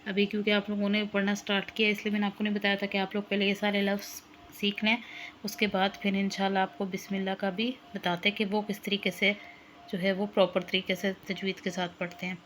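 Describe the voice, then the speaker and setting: A woman, giving a patient online Quran lesson and repeating each letter slowly. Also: medium pitch, completely flat delivery, fairly bright tone, a little hiss or hum. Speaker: Quran teacher.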